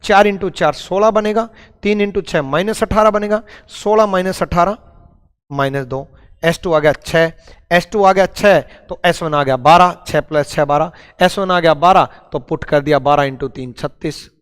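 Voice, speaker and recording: A man's voice: high voice, unhurried, clear, resonant tone, long reverb tail. A man teaching a live online math class, repeating each step and calling his students brother.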